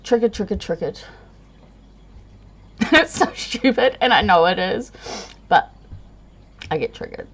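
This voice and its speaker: A woman's voice: mid-range voice, big pitch swings, unhurried, long pauses, a bit bright. A tired woman chatting to camera in a rambling, self-deprecating way, laughing often. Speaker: vlogger. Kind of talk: casual chat to camera.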